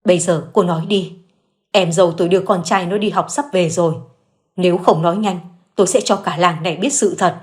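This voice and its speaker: A woman's voice: fairly low pitch, normal speed, close to an everyday voice. A woman voicing an elderly widow who questions her accuser in a firm, cold tone. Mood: stern demand.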